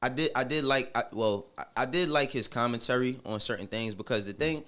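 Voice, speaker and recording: Medium in pitch, fairly quick and fairly bright, this middle-aged podcast guest carries a New York accent from Harlem. He speaks candidly and casually in slang-heavy, emphatic phrasing, often checking for understanding.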